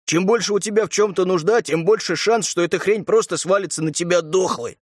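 A man voicing a crude, cynical adult man in an audiobook, talking in a rough, slangy drawl. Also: sits high, a little fast, dry recording, studio quality.

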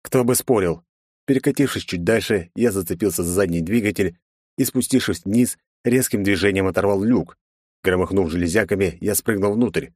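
Low-voiced man narrating an action audiobook. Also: a little fast, a little mellow, dry recording, studio quality. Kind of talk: first-person audiobook narration.

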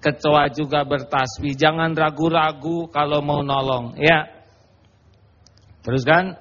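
A man's voice: a little high, slow. A male preacher gives a sermon, telling jokes and acting out little scenes with quoted voices. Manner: animated, joking storytelling with acted-out quotes. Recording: dull lo-fi recording.

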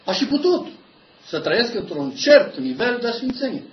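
A man preaching a sermon, telling stories about himself with animated, self-mocking humor. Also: extremely high pitch. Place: church meeting room. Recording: echoey church hall, dull lo-fi sound.

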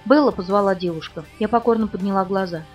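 A woman narrating an audiobook in the first person, tense and quick storytelling. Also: medium pitch, a little mellow. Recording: dull, distant recording with faint music.

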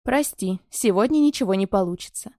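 A woman reading the lines of a confident, brusque young man in an audiobook, in a steady, matter-of-fact way. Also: medium pitch, fairly quick, no echo, studio quality, natural voice.

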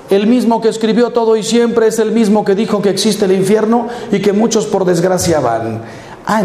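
A Mexican man in his fifties preaches to a live audience with a mellow, warm tone and slightly raised pitch. He tells lively stories full of rhetorical questions and acts out other people's voices. The sound carries in a roomy hall with faint ambience behind it. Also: a little hiss or hum. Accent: Mexican Spanish. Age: 50s. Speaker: priest. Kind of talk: conference talk to a live audience.

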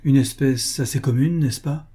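A man reading the part of a proud young prince in an audiobook, with a light, mocking tone and a husky voice. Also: mid-range voice, normal speed, dark tone, voice pushed up. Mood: ironic.

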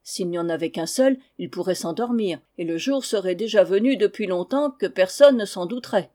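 A woman's voice: medium pitch, expressive, brisk, mellow, natural voice. Woman doing an eager rustic farmhand. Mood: earnest. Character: excited farmhand, grown man, rustic and talkative.

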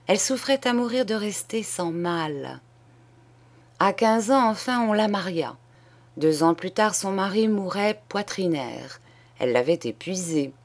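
A woman reading a short story aloud in a measured, deliberate audiobook style. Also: medium pitch, lively intonation. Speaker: reader.

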